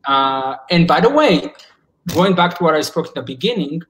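A man in his forties speaks through a laptop webcam from home, his voice sitting a little high. He is earnest and thinks out loud, with frequent false starts and repeated words as he works his ideas out. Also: expressive, normal speed, low-quality recording. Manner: earnest, searching for words with many restarts. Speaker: psychologist. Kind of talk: casual video call discussion. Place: indoors at home. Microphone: laptop webcam on a video call.

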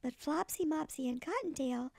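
A sweet older woman with a thin, creaky voice, reading a children's story expressively like a kindly storyteller. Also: high voice, normal speed, a little mellow, no room sound. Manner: sweet old lady.

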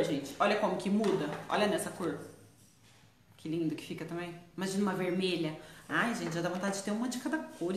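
A woman with a Brazilian Portuguese accent, teaching crochet on a live stream in her shop, chatty and quick to laugh. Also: mid-range voice, roomy sound, slight background noise. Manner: chatty, laughs often, exclaims "ai, gente".

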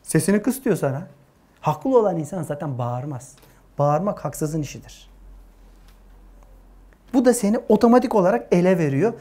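A man's voice: high voice, animated, moderate pace, pauses often. Earnest male religious teacher lecturing youth. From Turkey. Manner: earnest, emphatic, rising to forceful stresses. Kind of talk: lecture to young people.

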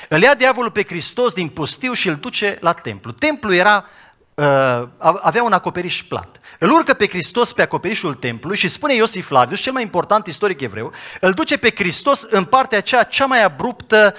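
A man preaches in speech, his voice bright and forceful and pitched a little high. He moves from loud, lifted appeals down to quiet, low asides as he acts out quoted voices. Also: sing-song. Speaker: pastor. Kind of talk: sermon.

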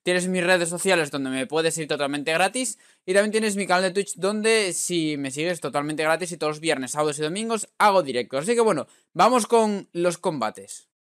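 A man with a Spain Spanish accent giving excitable, teasing commentary over his own online fighting-game matches. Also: on the high side, moderate pace, few pauses, clean tone, dry recording, studio quality. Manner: excitable, teasing, frequent "tío". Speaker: gaming YouTuber. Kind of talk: live gameplay commentary.

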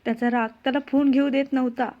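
A woman's voice: high-pitched, level tone, fast talker. A woman narrating a family romance story as a storyteller, reading expressively. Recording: dull lo-fi sound.

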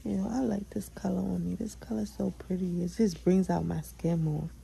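Gravelly, dark-voiced young woman chatting. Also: lowish voice, fairly even intonation, brisk, slight background noise, poor audio. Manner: chatty, candid, profane, self-affirming. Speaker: podcast host. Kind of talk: casual solo vlog chat.

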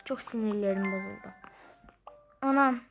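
A woman's voice: medium pitch, normal speed, creaky, over music. A young woman playing a mobile number game, commenting casually and grumbling in frustration as she counts numbers aloud.

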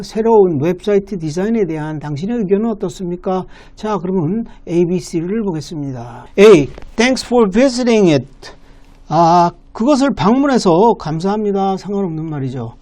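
A man who runs an English academy, teaching a listening lesson step by step and reading English lines slowly. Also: high voice, warm tone.

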